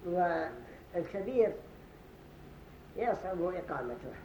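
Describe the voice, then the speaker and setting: A sheikh teaches his study circle in a high, raised voice, moving deliberately through each point and repeating phrases to demonstrate their pronunciation. The recording is roomy and echoey, with a faint hiss underneath. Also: animated, a little mellow. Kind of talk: religious lesson commentary. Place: study gathering in a mosque hall.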